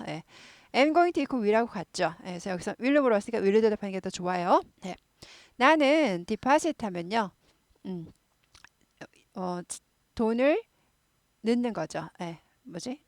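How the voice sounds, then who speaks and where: Chatty female English tutor, mid-pitch, repeating drill words into a dry close mic. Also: no echo. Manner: chatty, many filler "네" and "예" affirmations, repeats words for pronunciation drills. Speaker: English teacher. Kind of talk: casual explanatory lesson.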